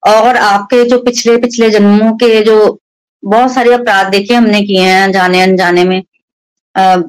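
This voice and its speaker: A woman's voice: medium pitch, steady tone, a little slow, smooth, no echo, low-quality recording. A young woman giving a devotional storytelling talk at a satsang, acting out the quoted lines and mixing in English words. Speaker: satsang speaker.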